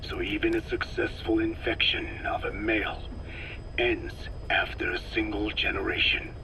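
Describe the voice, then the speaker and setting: For a video game, an actor voices a frail old male scientist explaining his work in expository dialogue, measured and grave. He speaks slowly, deliberately and precisely in a weak, breathy rasp, with a patient, explanatory mood and scientific manner. His voice is lowish with little pitch movement, over a noisy background.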